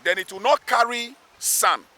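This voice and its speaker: Standing outdoors by a road underpass, a man with a Ghanaian accent speaks as a local assemblyman in an interview, advocating with pleading emphasis and repeated phrases. His voice is extremely high-pitched, pushed and bright, at a normal speed.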